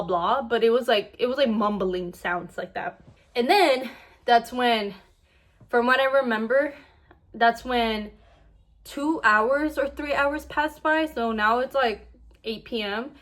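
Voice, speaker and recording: A young woman with a slightly high voice speaks straight to camera in a casual storytime vlog. She tells her story animatedly, acting out other people's lines and filling her sentences with "like.". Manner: animated retelling that acts out what others said, heavy use of "like". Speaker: vlogger.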